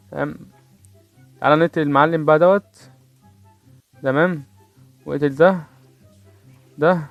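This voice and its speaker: A man's voice: a little high, dry recording. A man with an Egyptian accent giving casual, playful gameplay commentary, joking with his viewers and mouthing gunfire sounds. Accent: Egyptian Arabic. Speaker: gaming channel host.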